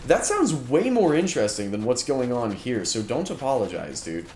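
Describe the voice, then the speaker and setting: A male streamer rants through a live let's-play, exasperated and tripping over restarts. His pitch jumps around a lot, with a roomy echo and a steady noise bed behind him. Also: normal speed. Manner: exasperated ranting, frequent restarts. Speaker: gaming streamer. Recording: echoey room with background noise.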